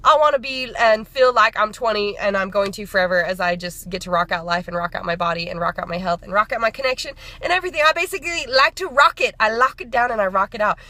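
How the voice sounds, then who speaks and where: A woman's voice: mid-range voice, quick pace, few pauses, bright, forceful tone. A woman in her thirties, a fitness and nutrition coach, chatting in a casual motivational vlog with an upbeat, rambling manner full of fillers and restarts. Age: 30s.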